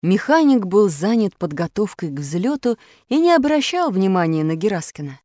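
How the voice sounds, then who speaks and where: A woman narrating a children's story aloud in an expressive, animated way. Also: mid-range voice, normal speed, no echo, studio quality.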